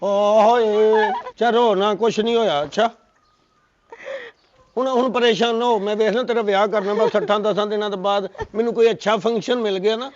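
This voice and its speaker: A man's voice: sits high, steady tone, brisk, natural voice. A man playing a young man who acts girly and fussy and speaks of himself as a woman. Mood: soothing. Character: young man suddenly acting girly and coy. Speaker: comic actor. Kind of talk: comedy sketch acting. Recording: dull lo-fi recording.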